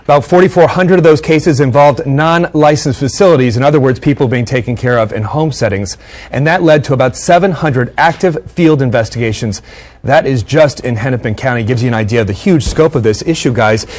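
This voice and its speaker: A man reporting live for a local TV newscast, earnest and measured. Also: medium pitch, a little mellow. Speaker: TV news reporter.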